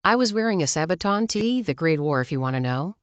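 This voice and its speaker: A woman's voice: low voice, lively intonation, fast talker, no room sound. A woman narrating a Reddit story in the first person, with sarcastic asides. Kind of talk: reading a Reddit story aloud.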